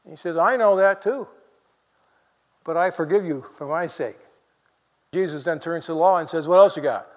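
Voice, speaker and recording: A man preaching a sermon in a lively, conversational way, full of rhetorical questions to the congregation. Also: fairly high pitch, moderate pace, long reverb tail.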